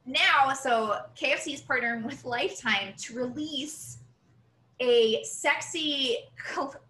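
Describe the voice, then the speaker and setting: A woman's voice: high-pitched, slow, pushed and bright, echoey room. A woman co-hosting a podcast in casual chat, chatty and giggly, with loose asides and running commentary. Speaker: podcast co-host.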